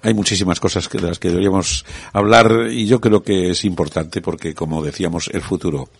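A man hosting a radio talk show, speaking in a relaxed, conversational way with frequent hesitations. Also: low voice, a little fast, gravelly, husky, no echo.

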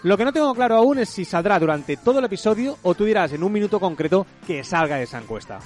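A man's voice: sits high, lively intonation, fast talker, faint music behind. A man, co-hosting a podcast and explaining tech news in a loose, casual chat. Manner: explains news items at length, loose and chatty. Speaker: podcast co-host.

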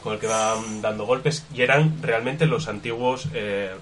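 A man's voice: on the low side, a little slow, distant mic. Asturian man, off-mic with background noise. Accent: Asturian Spanish. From Asturias, Spain. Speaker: podcast co-host. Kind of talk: casual comedic chat.

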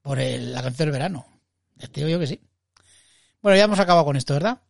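A co-host with a Spain Spanish accent runs the chat bluntly, swearing freely and dropping "tío" at the end of lines. The pitch moves widely from line to line. The recording is dry, with no room sound. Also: lively intonation, quick pace, creaky, no room sound. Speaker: podcast co-host. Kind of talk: casual chat.

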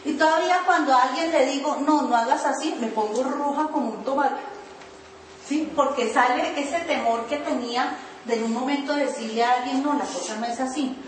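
High-voiced woman preaching in an echoey hall. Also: normal speed, slight background noise. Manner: storytelling preacher, mimics her own pleading in a sing-song whine. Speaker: pastor. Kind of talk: sermon. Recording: echoey room, voice from far off.

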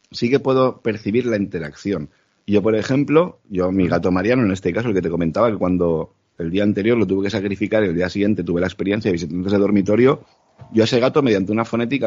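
Fast-talking husky low-voiced man. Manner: rapid, forceful explanations with swearing. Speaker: podcast guest, podcaster. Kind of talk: casual conversation. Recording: muffled lo-fi sound.

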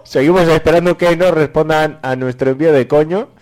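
A man's voice: fairly high pitch, fairly quick, darkish tone. A man co-hosting a radio comedy show, rowdy, laughing and swearing in loose banter.

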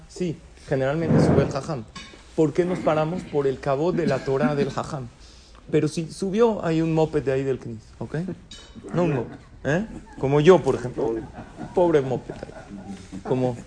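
A man's voice: a little high, background noise. A man teaching a casual religious class, asking students questions and joking with them. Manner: conversational, asks students questions and jokes. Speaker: Torah teacher.

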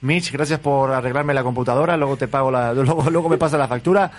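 A man's voice: mid-range voice, fast. A man with a Spanish accent hosting an interview in a jokey, affectionate way, laughing often. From Spain. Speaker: host. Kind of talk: casual interview chat.

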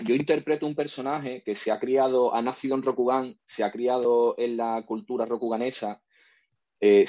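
A man's voice: medium pitch, a little mellow, no room sound. Guy rambling with lots of ums, sounds dull and dry. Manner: halting, rambling, many fillers. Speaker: podcast guest. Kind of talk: casual podcast discussion.

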